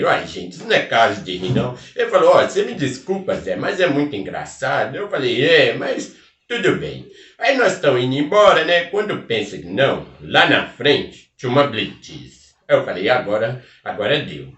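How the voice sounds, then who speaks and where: A man's voice: medium pitch, fairly bright tone. A man playing a folksy rural storyteller with a Minas Gerais caipira accent, rambling through a comic tale full of country interjections and asides. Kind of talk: comic folk tale telling. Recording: roomy sound from a distant mic.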